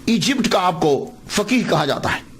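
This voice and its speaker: A man's voice: high-pitched, lively intonation, a little hiss or hum. A man giving a patient, explanatory religious lecture, repeating words to stress how they are said.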